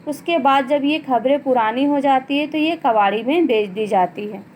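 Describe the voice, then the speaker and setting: A woman teacher giving an online class lesson. She recites poem lines slowly, then explains them in plain words. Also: high-pitched, a little mellow, a little hiss or hum, rough recording. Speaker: Hindi teacher.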